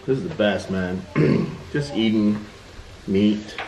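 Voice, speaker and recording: A middle-aged man with a low voice talks casually while chewing his food. He sounds like a dad hosting a family meal, in an echoey room with clear noise behind him. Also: takes it slowly, mellow, distant mic. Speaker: father hosting a family eating show. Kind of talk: casual mukbang chat. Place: indoor room at a table beside a sizzling griddle.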